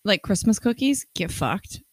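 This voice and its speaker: A woman's voice: medium pitch, very animated, measured pace, husky, dry recording. A young woman co-hosting a podcast, ranting in casual chat with sarcasm and plenty of swearing. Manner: profane, sarcastic ranting with laughs. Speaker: podcast co-host.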